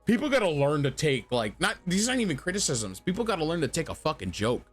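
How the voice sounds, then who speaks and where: Male streamer, lively swoops, slightly high register, foul-mouthed blunt rants, loose off-the-cuff delivery. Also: quick pace, breathy edge, faint music behind. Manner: profane, blunt, ranting; rambling, stammering repetition. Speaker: streamer reacting to a video. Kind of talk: casual livestream commentary.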